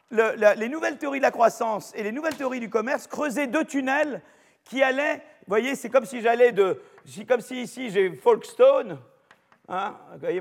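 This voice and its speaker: A man's voice: very high-pitched, creaky. An older man with a French accent giving a university lecture in a chatty, digressive way, full of fillers and restarts. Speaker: professor lecturing. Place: lecture hall. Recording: long reverb of a lecture hall.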